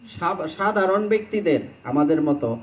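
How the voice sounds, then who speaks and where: Man, high voice, conversational devotional sermon. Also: lively intonation, moderate pace, muffled recording. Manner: conversational, chants mantra lines mid-talk. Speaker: Vaishnava preacher.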